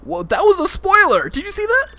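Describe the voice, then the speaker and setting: A man's voice: very high-pitched, huge pitch swings, fairly quick, bright, forceful tone. A man hosting a let's play with casual, chatty gaming commentary.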